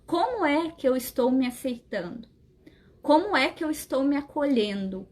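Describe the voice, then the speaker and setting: A woman giving an informal spiritual talk as a therapist, speaking conversationally and constantly checking in with "right?" while acting out inner voices. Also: sits high. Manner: conversational, frequent "né?" tag questions, acts out inner dialogue.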